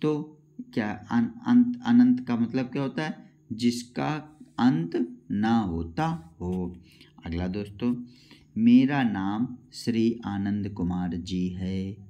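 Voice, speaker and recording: A man's voice: on the low side, slow, warm tone, dull audio. A man teaching an exam-prep lesson, explaining step by step and repeating each question and answer back to his viewers. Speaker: Hindi teacher.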